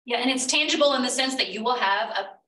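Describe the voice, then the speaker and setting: A woman's voice: a little high, fast, pushed and bright. Woman, practical, reassuring, distant mic, echoey room. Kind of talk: casual info session talk.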